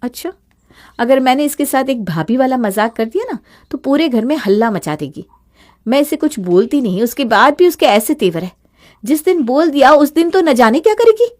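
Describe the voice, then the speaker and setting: A fed-up young daughter-in-law speaks sharp and sarcastic in a fairly high voice, voiced by a woman. She is an animated storybook wife, complaining of endless chores. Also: normal speed. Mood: resentful.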